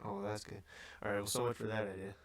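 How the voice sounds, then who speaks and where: A man's voice: on the low side, fast talker. Rambling young man in casual chat. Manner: rambling, filler-heavy, loose and animated. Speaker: podcast co-host.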